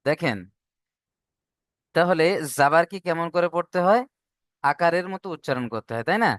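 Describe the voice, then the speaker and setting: Male Quran-reading tutor, patient and repetitive. Clear, slightly high voice on a dry close mic. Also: a bit bright, dry recording. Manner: patient, drills syllables slowly and repeats. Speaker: Arabic reading teacher. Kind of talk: online class instruction.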